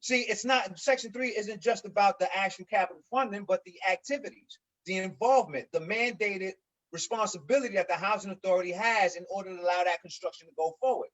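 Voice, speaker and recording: A man in his forties from New York, a resident association leader speaking on a virtual panel, earnest and halting, often repeating words as he builds his points. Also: high voice, fairly bright tone, highs cut off. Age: 40s. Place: home, on a video call. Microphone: video call mic.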